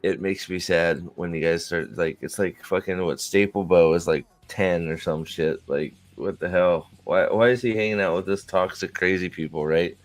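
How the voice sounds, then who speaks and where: A man's voice: deep voice, moderate pace, few pauses. A man in his forties chatting casually on a livestream, joking around and rambling with lots of restarts and fillers. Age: 40s. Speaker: streamer. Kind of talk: casual chat.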